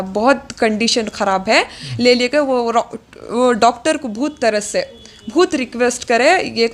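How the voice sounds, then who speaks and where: Young woman interviewee, slightly high voice, halting delivery with many fillers. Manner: halting, many fillers, mixes English words. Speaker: interviewee, daughter of the deceased. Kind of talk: recounting events in an interview.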